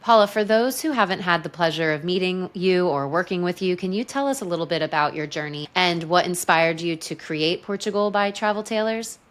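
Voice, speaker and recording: A woman's voice: on the low side, brisk, hardly any pauses. A woman podcast host who reads a scripted intro, then asks interview questions in a welcoming, enthusiastic way.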